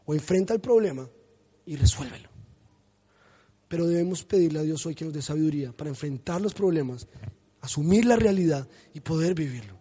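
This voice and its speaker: A man, a pastor preaching a sermon with animated storytelling. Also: a little high, a little fast, breathy edge. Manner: animated storytelling, acts out voices.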